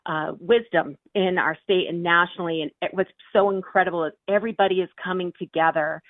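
A woman's voice: on the low side, steady tone, brisk, no echo. A woman guest on a radio interview, speaking earnestly and steadily with frequent fillers, heard over a tinny phone line.

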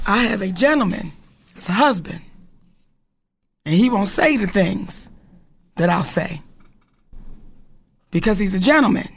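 Bold, slow-talking woman with gravelly voice. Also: medium pitch. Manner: bold, outspoken, emphatic, profane. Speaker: wife speaking on a panel. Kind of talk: passionate spoken address.

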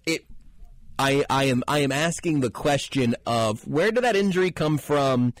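A man's voice: medium pitch, lively intonation, moderate pace, no echo. A man co-hosting sports talk radio who lays out theories wryly and with mock intrigue.

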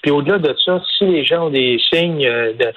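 A man with a Québécois French accent, a business association president interviewed on the radio, explaining his points deliberately with many fillers and restarts. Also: on the high side, phone-quality sound.

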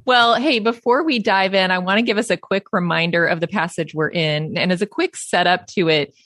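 A woman hosting a faith podcast who laughs easily and reads scripture aloud slowly and deliberately. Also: on the low side, fairly bright tone, no echo, studio quality. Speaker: podcast host. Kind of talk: warm conversational podcast and scripture reading.

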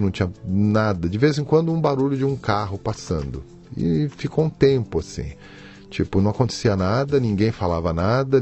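A middle-aged man with a Brazilian Portuguese accent, a podcast guest recounting a personal story haltingly, restarting and repeating words. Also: fairly low pitch, a little mellow, dull audio.

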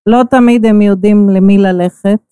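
A woman's voice: medium pitch, steady tone, mellow, smooth, no room sound. Woman interviewer, direct curious questions, dry close recording.

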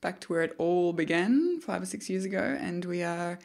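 A woman talks as a podcast host in a casual, chatty way. Her voice sits low for a woman. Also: animated, moderate pace, gravelly, darkish tone. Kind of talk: casual chat.

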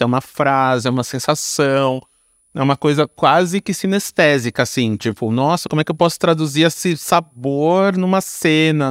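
Guesting on a podcast, a Brazilian-accented screenwriter chats informally through his interview answers, slangy and fond of small tag questions. His medium-pitched voice is captured in clean studio sound with no room sound.

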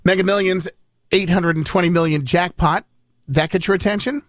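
A man's voice: high voice, fairly even intonation, fairly quick, a bit bright, no echo. Conversational male radio host, dry studio sound. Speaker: morning radio news host. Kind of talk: conversational news reading and banter.

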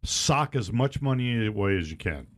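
A man's voice: on the low side, lively intonation, moderate pace. A man speaking as a financial advisor on a radio show, blunt and folksy. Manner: blunt, folksy, plain-spoken. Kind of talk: casual radio talk.

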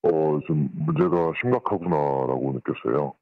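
Anonymous caller, voice disguised to sound extremely low, calm and measured, on a narrow phone line with a dry sound. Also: no echo. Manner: calm, measured explaining with many small fillers. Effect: voice pitched down to disguise it. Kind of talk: phone interview.

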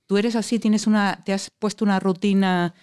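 A woman interviews a guest, asking thoughtful questions with small hesitations. Her voice is smooth and clear. The recording is dry, with no room echo. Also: mid-range voice, fairly even intonation, normal speed, darkish tone.

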